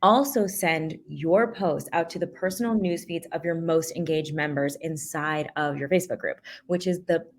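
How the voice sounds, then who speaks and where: A woman co-hosting a live business webinar, explaining with energy and quick restarts as she teaches. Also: sits low, slight background noise. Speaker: co-host and business coach.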